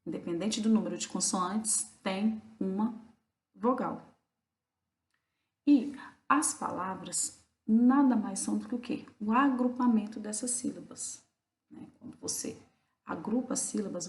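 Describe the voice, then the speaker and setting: A woman teaching a recorded lesson for children, patiently asking and answering her own questions and spelling out syllables slowly. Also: medium pitch. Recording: roomy echo.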